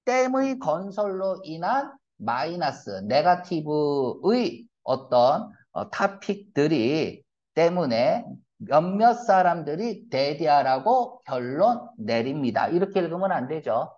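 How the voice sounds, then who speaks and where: Lively-pitched male teacher, dull lo-fi audio. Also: slow. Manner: asks rhetorical questions, blunt slangy asides. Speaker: English reading teacher. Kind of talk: classroom lecture on reading comprehension. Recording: dull lo-fi lecture recording.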